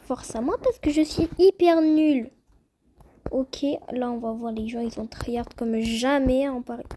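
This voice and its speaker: A young woman with a high, light voice chats her way through a game, talking straight to her viewers. She sounds excitable and casual, reacting to everything as she plays. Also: measured pace, slight background noise. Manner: chatty, excitable, addresses viewers directly. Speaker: gaming youtuber. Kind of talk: casual gameplay commentary.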